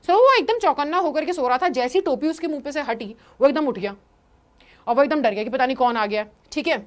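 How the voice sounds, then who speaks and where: A young woman teaching an English story lesson, telling it in a lively way and slipping into voices for the quotes. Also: sits high, fairly quick.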